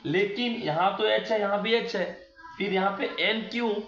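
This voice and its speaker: The recording, made in an echoey room with dull lo-fi quality, features a male teacher giving a grammar lesson as if in class. His high, fairly bright voice moves at a measured pace as he poses rhetorical questions, answers them himself, and lengthens words when spelling.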